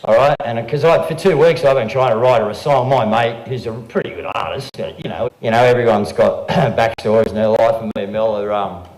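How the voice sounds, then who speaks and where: In a roomy live venue with a guitar around, an Australian man, a regular guest who writes songs as an amateur, chats on a live stream through a handheld mic. His medium-pitched voice is brisk and a little mellow, barely pausing as he rambles, checking in with "okay?" and "right?".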